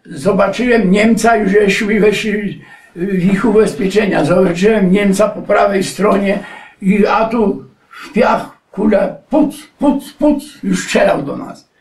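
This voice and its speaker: An elderly man in his nineties tells his memories as a veteran in a rambling, digressive way, often turning to the interviewer with a polite "sir". His voice sits high for a man. He is heard from a distance in a roomy, echoey space. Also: measured pace. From Poland. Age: 90s. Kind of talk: oral history recollection. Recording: echoey room, distant mic.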